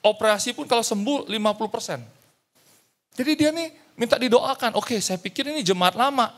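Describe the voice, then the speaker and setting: A man's voice: extremely high pitch, a little fast, a bit bright. A male pastor telling a story in a sermon, acting out the dialogue and slipping into English phrases.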